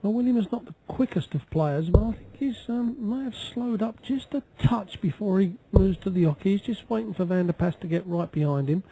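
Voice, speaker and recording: A man's voice: high-pitched, brisk, few pauses, dark tone, slightly rough, poor audio. A man giving live darts commentary as an analyst, explaining play in a conversational way.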